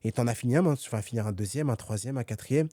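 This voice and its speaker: A man's voice: medium pitch, quick pace, mellow, no echo, studio quality. A man being interviewed as a guest author, talking energetically with many fillers and restarts. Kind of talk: conversational podcast dialogue.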